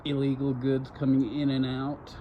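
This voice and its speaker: A man's voice: mid-range voice, monotone, moderate pace. A man from Arizona talking in an urgent, repetitive, emphatic way for his vlog, recorded outdoors by a road. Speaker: vlogger. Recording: lo-fi with loud outdoor noise.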